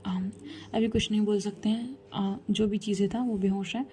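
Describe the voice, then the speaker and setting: A woman voicing a young man who carefully explains a hospital situation, quietly and hurriedly. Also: medium pitch, fairly even intonation, normal speed, natural voice.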